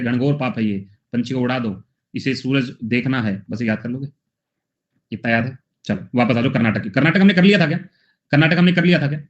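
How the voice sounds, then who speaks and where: A man's voice: fairly high pitch, dull audio. A male teacher from Haryana giving an exam-prep lesson, talking chattily and acting out little scenes in funny voices to help students memorize.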